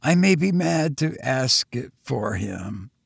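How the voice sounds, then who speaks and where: A man voicing a veiled woman in mourning, low and pleading. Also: sing-song, slow pace, gravelly, husky, no echo, studio quality, exaggerated voice. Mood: anguished. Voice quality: low, deep voice. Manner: desperate, earnest pleading. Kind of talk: audiobook character voice.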